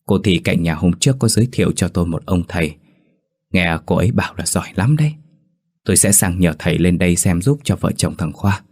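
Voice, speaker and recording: A man's voice: low voice, a little fast, darkish tone. A man voicing a worried, stern older grandmother in a read-aloud storybook, with an insistent, scolding manner. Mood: confiding.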